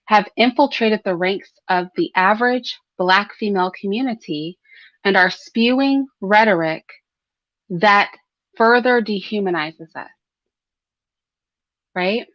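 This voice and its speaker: A woman talks through her opinions in an informal, conversational way, addressing listeners directly and checking in with tag questions. Her pitch is average for a woman. The recording is dry and slightly muffled, with very little room sound. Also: measured pace, pauses often, fairly bright tone, dry recording. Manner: frequent throat clearing. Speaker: host of a commentary livestream. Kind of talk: conversational solo opinion commentary.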